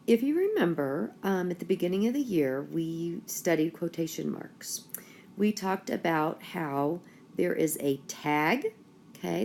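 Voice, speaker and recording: A woman's voice: fairly low pitch, vocal fry, a little mellow, slight background noise. A woman schoolteacher explaining a writing lesson to her class step by step. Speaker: school teacher.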